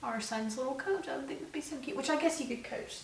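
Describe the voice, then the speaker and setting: With a high, creaky voice and a quick pace, a young vlog co-host chats casually, rambling and leaning on fillers. Slight background noise mixes with the echo of the room, and the mic is far from her.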